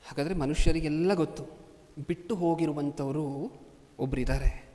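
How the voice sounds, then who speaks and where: A man's voice: fairly high pitch, moderate pace, mellow. A man preaching a sermon to a congregation, constantly asking them rhetorical questions. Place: large hall before a congregation. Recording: long hall reverb.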